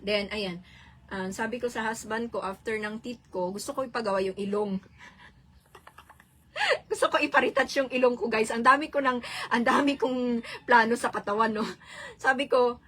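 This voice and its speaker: A woman's voice: on the high side, moderate pace, pauses often, sharp tone. A woman from the Philippines with a Visayan accent, chatting casually on a live stream, laughing often and mixing languages. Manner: chatty, laughs often, mixes Tagalog, Cebuano and English.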